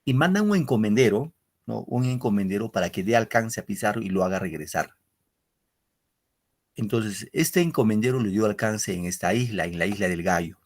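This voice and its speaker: A man gives an online literature lesson in a somewhat low voice. He explains step by step, speaks directly to his students and keeps checking that they follow. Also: expressive, normal speed. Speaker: teacher. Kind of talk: online class lecture.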